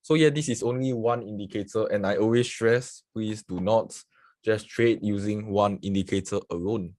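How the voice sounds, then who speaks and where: A man from Singapore teaches forex trading on a livestream, casually working through chart examples in a live screen-share market analysis with chat. His voice is fairly low and darkish, steady at normal speed, recorded cleanly in a studio with no room sound. He often says "so yeah" and greets viewers from the chat.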